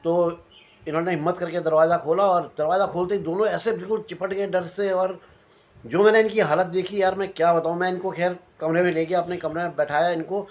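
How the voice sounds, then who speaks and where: Man from Uttarakhand, slightly high-pitched storyteller; animated ghost-experience telling. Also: brisk. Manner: animated, repeats phrases for suspense. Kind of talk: recounting a personal ghost experience.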